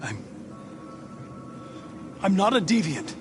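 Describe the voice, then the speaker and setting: High-voiced, conflicted young android. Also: male voice, sing-song, slow, full character voice. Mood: defensive, guilty. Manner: defensive, hesitant. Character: earnest, conflicted young male android investigator. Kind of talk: dramatic video game acting. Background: music.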